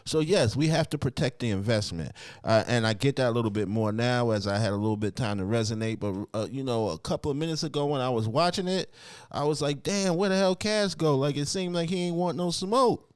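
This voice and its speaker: A man's voice: medium pitch, fairly quick, no room sound, clean studio sound. A man hosting a casual event recap, talking informally in street slang and rambling through his retelling. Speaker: host, event commentator.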